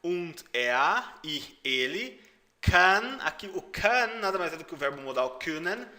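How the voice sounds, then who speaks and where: A man with a Brazilian Portuguese accent gives a language lesson at an unhurried pace. His voice is bright and sits a little high, and he repeats phrases patiently, saying the foreign words louder. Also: sing-song. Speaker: German teacher. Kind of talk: language lesson explaining song lyrics.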